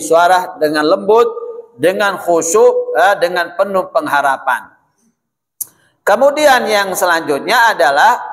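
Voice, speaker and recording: Guy with a high voice giving a folksy mosque talk, long hall reverb. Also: a bit bright. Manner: folksy, addresses the audience as "Pak", often adds "ya". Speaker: ustadz giving a mosque lecture. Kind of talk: sermon.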